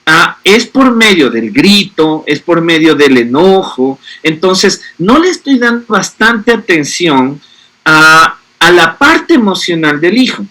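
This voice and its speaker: A man's voice: on the high side, very animated, slow, pushed and bright. A man, explaining parenting to an audience and often checking in with rhetorical questions. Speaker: speaker on a parenting panel.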